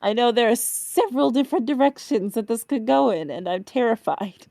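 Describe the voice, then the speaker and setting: A woman's voice: a little high, lively intonation, a little fast, gravelly, dark tone, no echo, clean studio sound. A woman casually recapping a game demo on a podcast, chatty, with many fillers and restarts. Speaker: podcast co-host.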